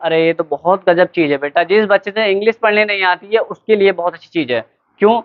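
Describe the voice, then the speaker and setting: A man teaching English grammar to students in a classroom-style lesson. He asks questions and answers them himself, calls the students "beta", and spells words out slowly letter by letter. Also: high-pitched. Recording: tinny phone-like lo-fi recording.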